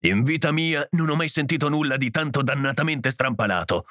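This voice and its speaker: An irritated husband speaking in short, clipped lines, as a man reads him. His pitch stays lively as he argues. The recording is dry and close. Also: a little fast, dry recording. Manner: curt, clipped. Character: curt, irritated husband defending his home.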